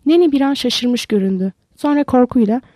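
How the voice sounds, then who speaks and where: A woman narrating an audiobook in a steady, even storytelling manner. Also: fairly high pitch, fairly quick, no room sound.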